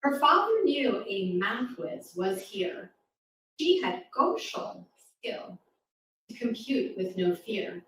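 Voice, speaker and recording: With big pitch swings around a medium pitch and a slow pace, a woman reads rhyming verse to young children at a live storytime, encouraging and interactive. The roomy space echoes, recorded by a distant mic with faint noise.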